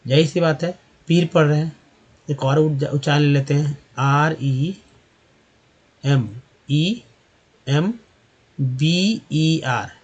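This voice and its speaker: A man's voice: fairly high pitch, darkish tone, breathy edge, dull audio. A man giving a spoken lesson on English pronunciation, spelling words out letter by letter and repeating them. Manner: addresses viewers as friends and asks questions to the class. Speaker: English teacher.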